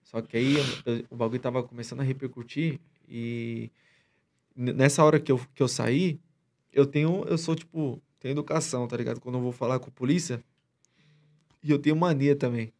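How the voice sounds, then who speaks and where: A man's voice: medium pitch, fairly even intonation, a little fast, darkish tone. A man as a podcast guest, retelling a story in a rambling, slangy way with many restarts. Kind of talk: casual storytelling chat.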